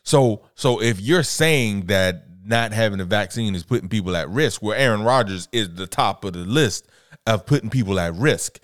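Man, podcast co-host, low-pitched, lively swings in pitch, dry close sound. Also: normal speed, no room sound. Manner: animated, mimics voices when quoting others. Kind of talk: casual sports chat.

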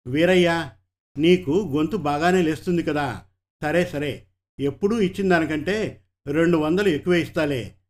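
A man's voice: fairly high pitch, normal speed, long pauses, close to an everyday voice. A man voicing a domineering middle-aged woman brothel keeper who talks in a commanding, threatening way. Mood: bargaining.

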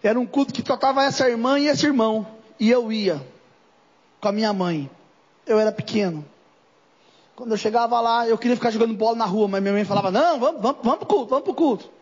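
A man's voice: sits high, steady tone, fairly quick, in a large hall, dull audio. A Brazilian man preaching an impassioned sermon, often putting questions straight to his congregation. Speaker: apostle preaching. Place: church service.

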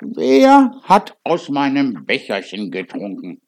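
A man voicing seven kindly little male dwarfs in a storybook reading, in a raised, louder questioning voice. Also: mid-range voice, wildly swooping pitch, slow, vocal fry, voice pushed up, heavily acted. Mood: puzzled.

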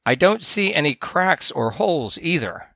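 Soft-spoken, puzzled moth in a storybook, read by a man, a little creaky and close. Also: fairly high pitch, sing-song, normal speed, dry recording, pitched above the performer's own voice, exaggerated voice. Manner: gentle, questioning. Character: curious, polite young moth.

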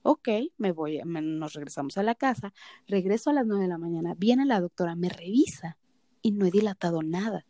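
A woman's voice: lowish voice, lively intonation, brisk, warm tone, no room sound, studio quality. A woman in her thirties co-hosting a podcast, telling her story in casual chat and acting out the quoted dialogue with animation. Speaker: podcast co-host.

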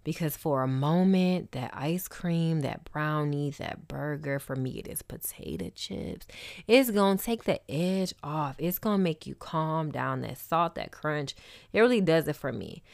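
A woman's voice: sits low, expressive, a little slow, gravelly, a little mellow, dry recording, studio quality. A woman talking candidly and expressively in a casual personal talk, with wry asides, as a host.

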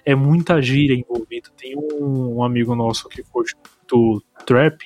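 A man's voice: medium pitch, fairly even intonation, moderate pace, darkish tone, no echo, faint music behind. A man with a Brazilian accent hosting a casual podcast chat, talking in a loose, slangy way. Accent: Brazilian Portuguese. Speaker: podcast host.

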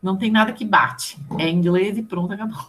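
A woman, an English teacher and translator, chatting casually and often tagging her sentences with a quick check-in. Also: mid-range voice, steady tone, fairly bright tone. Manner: chatty, many fillers like "entendeu?". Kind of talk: casual chat.

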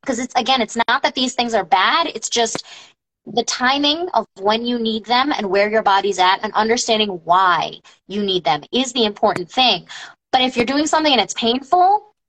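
A fairly high-voiced woman in her thirties speaks as a massage therapist to her followers. She talks casually and emphatically, and her voice climbs higher when she gets indignant. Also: normal speed, rough recording. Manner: emphatic, animated, rising in pitch when indignant. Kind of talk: casual live-stream talk to followers.

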